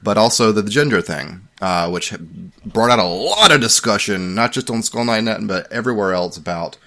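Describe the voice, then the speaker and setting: Male podcast host, low voice, chatty and self-deprecating, casual chat. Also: expressive, normal speed, sharp tone.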